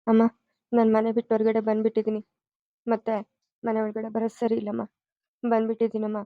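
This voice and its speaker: A woman's voice: on the high side, monotone, brisk, dry recording, narrow, tinny audio, natural voice. A woman voicing a devoted young adult foster son who soothes and pleads in a cartoon. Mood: soothing. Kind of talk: cartoon voice acting.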